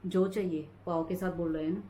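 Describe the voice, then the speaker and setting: A woman's voice: fairly low pitch, fairly even intonation, brisk, dark tone, roomy sound, slight background noise. Chatty middle-aged woman vlogging at home. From India. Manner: chatty, rambling, recounting daily chores. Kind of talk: casual home vlog narration. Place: home interior.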